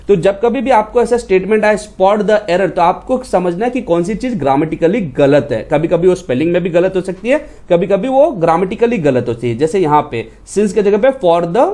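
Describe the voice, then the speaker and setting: A man teaching an exam-prep lecture, explaining patiently and reading example sentences slowly. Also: high-pitched, dark tone.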